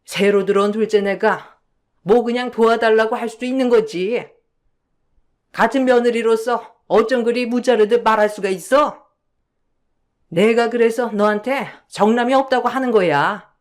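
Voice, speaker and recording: A woman voicing a stern older mother-in-law who scolds slowly and reproachfully. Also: fairly high pitch, natural voice. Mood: scolding.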